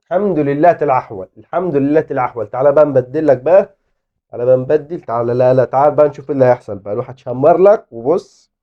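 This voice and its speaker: A man with an Egyptian Arabic accent, giving excitable live commentary on his own football game as a gaming YouTuber. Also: mid-range voice, racing, highs cut off. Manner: excitable, exclaiming and pleading at the game.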